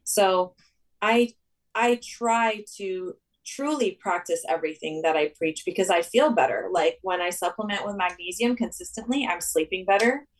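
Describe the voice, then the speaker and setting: A woman dentist from Saudi Arabia chatting as an interview guest, animated and full of restarts. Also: on the low side, far from the mic, low-quality recording. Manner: animated, rambling with many restarts. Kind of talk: casual interview talk.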